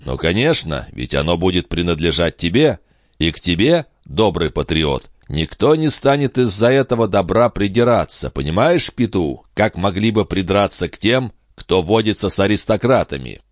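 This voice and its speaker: Man playing stern older farmer, terse, grumbling, very deep voice, dry close sound. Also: big pitch swings, moderate pace, dry recording. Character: grave older revolutionary farmer, gruff and stern.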